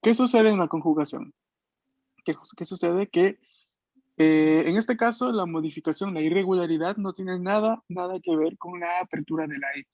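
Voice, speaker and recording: A man teaching a French class online in Spanish, patiently explaining and slowly modeling words for his students. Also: sits high, darkish tone, no room sound. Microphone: video call. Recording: dull lo-fi video call audio.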